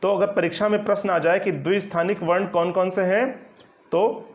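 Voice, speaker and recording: A man's voice: high-pitched, fairly even intonation, moderate pace. A male Hindi grammar teacher giving an online exam-prep lesson, explaining patiently and checking often that students follow. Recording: slightly dull lo-fi sound.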